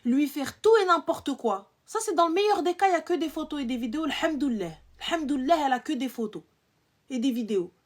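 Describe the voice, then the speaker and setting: Fiery high-voiced woman ranting live. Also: fast talker. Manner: animated and scolding, firing rhetorical questions; swings between loud outbursts and low muttering. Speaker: live streamer. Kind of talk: ranting live-stream monologue.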